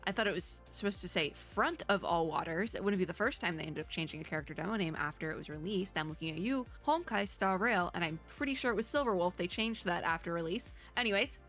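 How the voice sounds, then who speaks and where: Indoors at her home computer, this female VTuber hosts a casual gaming reaction video for gamers, rambling chattily with playful exasperation. Her voice runs on the low side, expressive and a bit bright, moving quickly with few pauses over soft background music.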